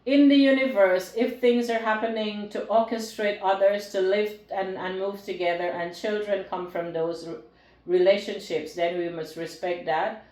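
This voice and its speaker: Woman, mid-pitched, solemn spiritual speaker, echoey room. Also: fairly even intonation, normal speed, a little mellow. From Guyana. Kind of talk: spiritual talk addressed to one listener. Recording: roomy echo.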